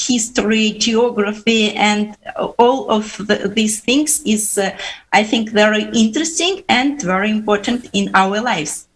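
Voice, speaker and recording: A woman's voice: mid-range voice, a bit bright, poor audio. Hesitant woman with a Russian accent. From Uzbekistan. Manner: halting non-native English, many filler pauses. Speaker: ham radio operator guest. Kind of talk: live show interview.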